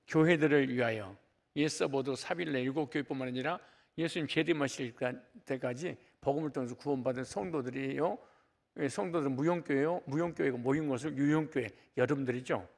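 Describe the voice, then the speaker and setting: Gravelly-voiced male pastor preaching. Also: medium pitch. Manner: conversational, joking asides to the congregation. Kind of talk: sermon.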